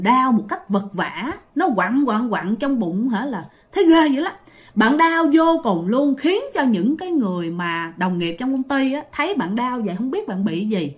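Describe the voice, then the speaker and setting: Woman, ghost story teller, fairly high voice, very animated melody. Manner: addresses listeners directly, chatty and animated. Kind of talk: casual ghost story narration.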